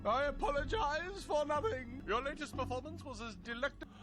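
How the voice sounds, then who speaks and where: A man's voice: extremely high pitch, a little fast, music in the background. A man playing a foppish, self-indulgent cartoon robot with a languid, pompous delivery. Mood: luxuriating.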